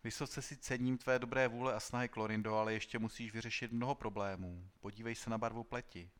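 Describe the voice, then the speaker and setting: A man voicing an aged mechanical man, a great engineer who speaks calmly and with fatherly sorrow, in a dramatized audiobook reading. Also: lowish voice, natural voice. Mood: sorrowful. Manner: calm, fatherly, heavy-hearted.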